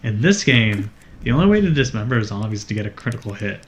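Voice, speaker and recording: A man's voice: on the low side, big pitch swings, fast talker, a little hiss or hum. A man commentating on a video game, explaining its mechanics with dry, wry remarks. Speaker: let's play commentator. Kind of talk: casual gaming commentary.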